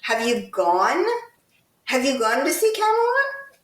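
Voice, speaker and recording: A woman with a fairly high voice hosts a local politics podcast, taking her time over each point as she builds a sarcastic case. She sounds set back from the mic in a roomy space, with echo around her words. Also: wildly swooping pitch, far from the mic. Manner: deliberate, pointed, sarcastic criticism. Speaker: podcast co-host. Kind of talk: casual political commentary.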